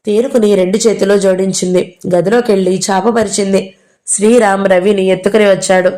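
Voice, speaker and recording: A woman's voice: medium pitch, fairly even intonation, brisk, mellow. A woman narrating a novel as an audiobook reader, reading all the characters' lines herself.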